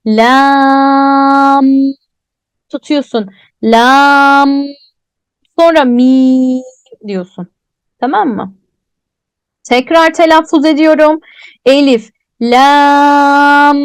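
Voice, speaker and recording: A woman's voice: sits high, no room sound, clean studio sound. A woman teaching a Quran recitation lesson, explaining step by step and asking and answering her own questions, drawing out letter names as she recites them. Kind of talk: online tajweed lesson.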